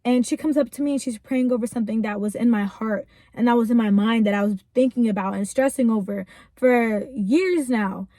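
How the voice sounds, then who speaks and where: A young woman talking earnestly in a casual car vlog, emotional and close to tears, with chatty fillers and pauses. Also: a little high, warm tone, no room sound. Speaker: vlogger. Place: inside a car.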